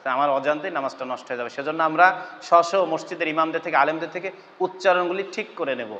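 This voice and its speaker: A high-pitched man with a bright, forceful voice teaches religious pronunciation, repeating each sound over and over with slow emphasis. The recording is dull and lo-fi, with a long reverb trailing behind his words. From Bangladesh. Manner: repetitive, drills sounds slowly and emphatically. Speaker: Islamic teacher.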